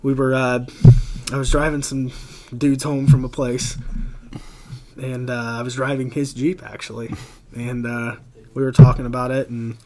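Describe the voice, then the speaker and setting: A man's voice: mid-range voice, level tone, moderate pace, long pauses, noisy background. A man in his thirties, a podcast guest telling army stories in a blunt, profane, casual way. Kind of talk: casual storytelling.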